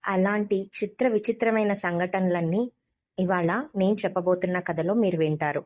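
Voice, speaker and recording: A woman's voice: lowish voice, steady tone, normal speed. Conversational woman storyteller. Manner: warm, conversational, addresses listeners directly. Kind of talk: audiobook story narration.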